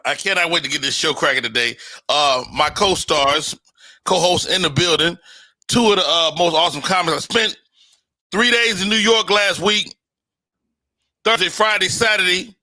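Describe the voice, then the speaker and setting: A man hosting a casual live show, chatting informally with upbeat, slangy shout-outs. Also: sits high, normal speed. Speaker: show host.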